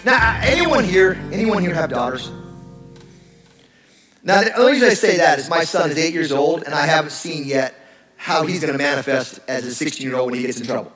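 Male pastor in his middle years, high bright delivery, joking and animated, echoey sanctuary sound. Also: fairly quick, soft background music. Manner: animated, joking, acts out sarcastic voices. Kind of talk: lively sermon. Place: church sanctuary.

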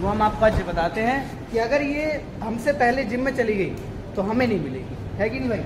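A man in his twenties vlogs casually in a large indoor gym, holding a phone camera at arm's length while he jokes, teases and calls out to friends, laughing often. His voice is very high-pitched with lively intonation and a moderate pace, set against background noise and gym music.

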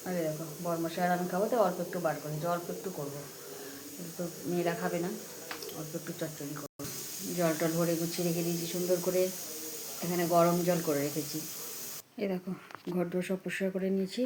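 A woman in her thirties talks warmly and homely to her viewers while cooking at home. Her voice sits a little low, and steady household noise runs under the phone recording. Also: quick pace. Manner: chatty, homely, addresses viewers as friends. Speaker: home vlogger. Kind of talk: casual daily-life vlog narration. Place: home kitchen and rooftop.

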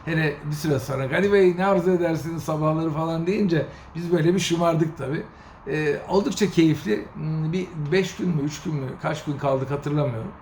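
A middle-aged man from Turkey tells a travel story in a raised, gravelly voice. He shifts from easy chat to animated indignation, mimicking officials in quick bursts. The sound is roomy with a faint hum of ambience behind. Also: fairly high pitch. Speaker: host. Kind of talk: casual storytelling monologue. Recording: echoey room with faint ambient noise.

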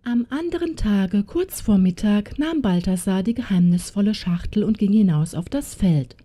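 Female narrator, fairy tale audiobook, dark warm tone, expressive. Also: medium pitch. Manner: slow, expressive storytelling.

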